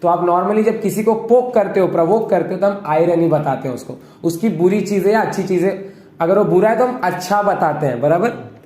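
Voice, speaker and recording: A man's voice: sits high, moderate pace, darkish tone. A young man hosting a casual talk, explaining things and constantly checking in with his listeners. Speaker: host explaining a topic. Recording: echoey room.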